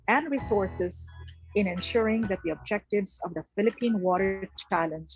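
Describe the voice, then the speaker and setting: Female presenter, mid pitch, formal and clear, faint background music. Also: moderate pace, poor audio. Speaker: foundation executive director.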